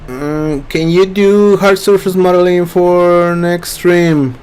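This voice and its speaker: Male webinar host, slightly high voice, slow and loose, casual Q&A from a home desk mic. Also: clear, resonant tone. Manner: relaxed, reads chat questions aloud, many fillers. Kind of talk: casual live-stream Q&A.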